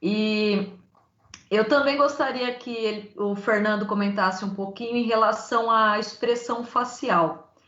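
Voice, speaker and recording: A woman's voice: medium pitch, steady tone, unhurried, a bit bright. A woman teacher moderating a live panel, asking long winding questions. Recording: echoey lo-fi room audio.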